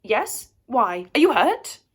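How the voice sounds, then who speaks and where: A woman voicing an adult woman doctor who answers a child in a brisk, matter-of-fact way. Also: a little high, very animated, breathy edge, heavily acted.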